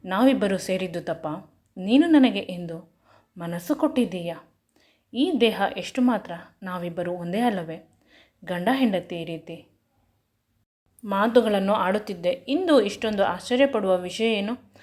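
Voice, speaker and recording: A woman's voice: medium pitch, expressive, measured pace, long pauses, darkish tone. A woman reading a possessive young lover man. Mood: insistent.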